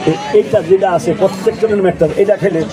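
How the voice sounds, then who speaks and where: A man's voice: high voice, fairly even intonation, fairly quick. A man hawking medicine like a street barker, rattling off lists and asking his own questions. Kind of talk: street sales pitch. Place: outdoors on a city footpath. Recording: noisy outdoor street with crowd, traffic. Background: street crowd and vehicle noise.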